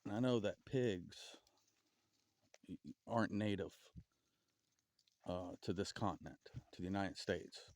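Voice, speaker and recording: Southern man, deep voice, halting casual musing, outdoor woods vlog. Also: a little mellow, no room sound. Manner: rambling, halting, with stutters and restarts. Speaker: vlogger. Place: outdoors in a forest.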